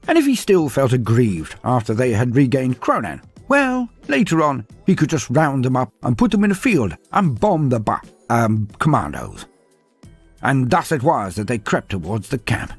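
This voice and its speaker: A man with a mid-range, breathy-edged voice narrates a scripted fantasy lore story in a theatrical, florid and whimsical style.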